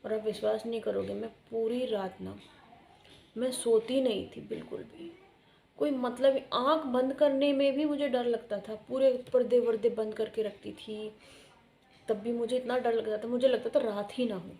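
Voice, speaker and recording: A young woman tells a personal story in a loose, rambling way and circles back to repeat her points. Her voice is mellow and soft-toned. Faint noise sits behind her. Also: on the high side, steady tone, moderate pace, gravelly. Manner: chatty, rambling, repeats herself for emphasis. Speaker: vlogger. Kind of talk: casual storytelling.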